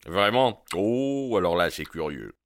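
A man reading the part of a self-assured police captain who taunts with calm irony. The voice is low and smooth, bright and forceful, recorded dry and close. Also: measured pace, no echo, full character voice. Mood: mocking. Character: confident police captain, middle-aged man, mocking. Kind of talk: audiobook character reading.

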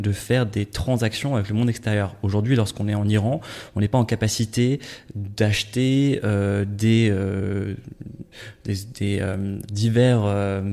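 A Frenchman with a lowish, dark, mellow voice explains things in an interview. He hesitates often and fills his pauses with ums. His answers run long and unhurried. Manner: hesitant, many "euh" fillers.

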